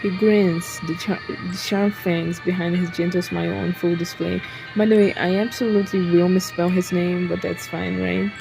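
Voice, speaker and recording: A woman's voice: on the low side, level tone, moderate pace, creaky, low-quality recording. A woman reading a visual novel aloud, breaking off with joking asides. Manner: reads narration, breaks off to joke and laugh. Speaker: game streamer. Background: game music.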